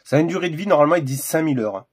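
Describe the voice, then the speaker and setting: A man's voice: on the high side, expressive, racing, breathy edge. A man hosting a casual unboxing video, talking hesitantly with lots of fillers and restarts. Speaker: gun accessory reviewer.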